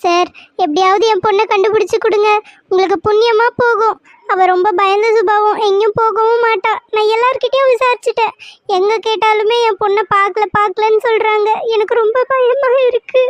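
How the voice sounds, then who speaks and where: A woman performs a desperate village mother in a cartoon serial who sobs and pleads. She talks high and thin. It sounds dry and close. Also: fairly even intonation, brisk, no echo. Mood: tearful pleading. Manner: sobbing, pleading. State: crying. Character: frantic crying village mother searching for her daughter.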